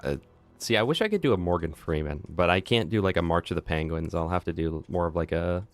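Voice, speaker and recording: Low-voiced joking male streamer. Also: a little fast, no echo, soft background music. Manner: joking, chatty with the chat. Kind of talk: casual gameplay livestream commentary.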